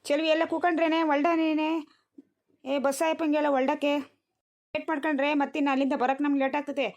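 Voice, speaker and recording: A fussy, practical elder village woman in a comedy cartoon, played by a woman. Her voice sits a bit high and she talks fast, always scolding and instructing. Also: level tone, a little mellow. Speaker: cartoon character.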